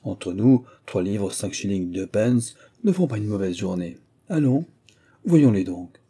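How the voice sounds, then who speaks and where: Man doing a scornful scolding mother, proud, indignant, dark husky tone, storybook reading. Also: lowish voice, very animated, a little slow, full character voice. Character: scolding middle-aged mother, sharp-tongued and proud.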